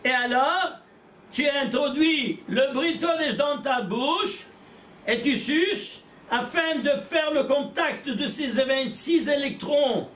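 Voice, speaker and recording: A man teaching a religious class, animated and blunt, firing rhetorical questions at his students and repeating words as he goes. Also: very high-pitched, slow pace. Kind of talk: lively religious lecture to a small class. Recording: echoey room, voice from far off.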